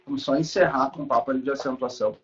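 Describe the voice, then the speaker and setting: A man's voice: medium pitch, fairly even intonation, racing, muffled recording. A young adult man, teaching a live online class in a casual, chatty way with light swearing. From Brazil.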